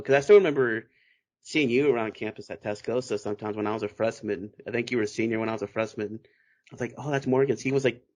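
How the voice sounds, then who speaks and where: A man in his twenties from Texas, hosting a casual podcast chat and laughing often. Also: mid-range voice. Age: 20s. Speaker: podcast host.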